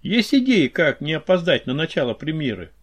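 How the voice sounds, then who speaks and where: In an audiobook, a man voices a restless investigator who presses his plan in an eager, driving way. The voice sits a little high for a man. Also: lively intonation, moderate pace. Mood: pressing. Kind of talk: audiobook character reading.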